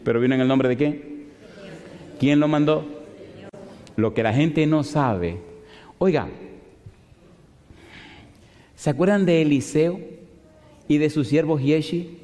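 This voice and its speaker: A male pastor giving a lively sermon, constantly asking the congregation questions. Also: on the high side, takes it slowly, pauses often, slight background noise. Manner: animated, asks the congregation frequent rhetorical questions. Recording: long hall reverb.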